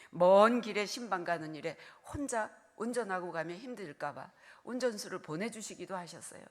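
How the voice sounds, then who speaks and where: Older woman pastor with a lively, earnest sermon voice. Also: mid-range voice. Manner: earnest pleading, direct address to congregation. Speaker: retired senior pastor.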